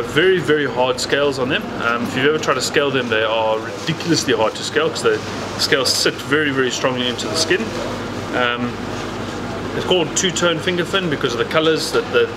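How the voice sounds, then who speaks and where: Brief: man in his thirties, a marine biologist presenting to camera, loose and chatty, noisy room tone. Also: mid-range voice. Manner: chatty, many fillers and repeated words. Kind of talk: casual educational talk to camera. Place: indoors in front of a large aquarium.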